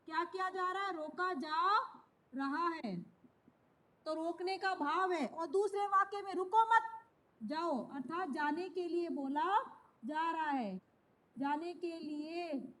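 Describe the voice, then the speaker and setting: Woman teacher, very high voice, slow pace, repeats phrases, asks questions. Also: a bit bright, slight background noise. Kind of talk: classroom lesson.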